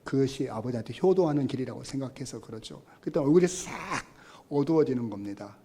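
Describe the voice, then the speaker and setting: A man's voice: medium pitch, lively intonation, quick pace, mellow, breathy edge. A male pastor preaching a sermon, telling a story and acting out its voices.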